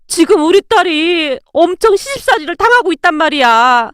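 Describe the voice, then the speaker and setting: A woman's voice: extremely high pitch, very animated, normal speed, fairly bright tone, no room sound, clean studio sound, heavily acted. Woman doing a whiny older mother-in-law. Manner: whiny, complaining. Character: self-pitying older mother-in-law, petulant.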